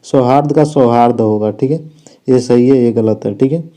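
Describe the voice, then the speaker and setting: In a spelling lesson walkthrough, an exam coach with a warm, medium-pitched voice goes through spelling and sentence fixes at a moderate pace, following each point with "theek hai."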